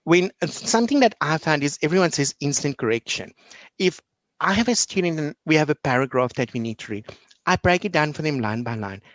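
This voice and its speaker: A South African man who teaches English online chats casually as an interview guest, energetically acting out classroom exchanges like an animated storyteller. His voice is slightly high and fairly quick. The recording is dry with a lo-fi quality.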